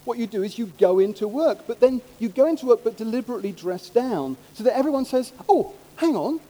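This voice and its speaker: A man preaching a sermon, humorous and animated, slipping into mimicked voices. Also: extremely high pitch, fast talker. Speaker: pastor. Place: church hall. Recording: long hall reverb.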